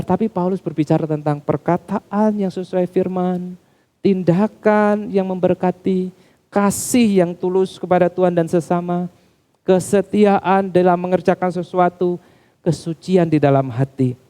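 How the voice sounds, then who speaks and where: A man preaches a sermon to a church congregation. His voice sits somewhat high with a warm, mellow tone. He addresses the listeners directly again and again, his pitch climbing and dropping. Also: unhurried. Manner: addresses congregation as Bapak Ibu Saudara, pitch rising and falling widely. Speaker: pastor.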